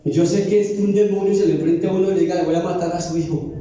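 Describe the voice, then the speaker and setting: A man's voice: high-pitched, steady tone, fast talker, mellow. A man preaching a fervent sermon as pastor, acting out Bible voices in a church. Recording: very echoey church hall, mic at a distance.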